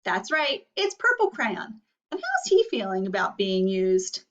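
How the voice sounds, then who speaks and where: An elementary teacher leads a read-aloud lesson for children, explaining things instructionally and posing guiding questions. Her mid-range voice is a bit bright, with huge pitch swings and a measured pace, captured on a dull, distant microphone.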